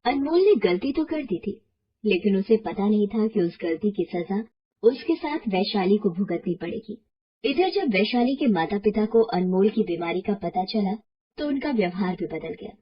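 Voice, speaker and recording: A woman narrating a bedtime moral story in a steady, scripted way. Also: mid-range voice, normal speed, muffled recording, slight background noise. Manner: steady, explanatory.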